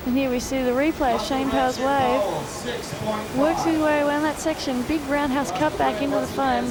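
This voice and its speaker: A woman's voice: high-pitched, poor audio. A woman giving a descriptive, running play-by-play of a surf contest. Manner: descriptive, running wave-by-wave call. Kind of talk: play-by-play sports commentary. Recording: outdoor event with loud crowd noise. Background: loud crowd.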